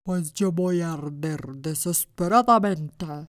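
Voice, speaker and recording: A woman's voice: low voice, slow pace, dry recording, studio quality. A woman voicing a mournful talking dung heap in a storybook tale, drawing out each phrase. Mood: gloomy. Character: slow, gloomy talking dung heap, thing.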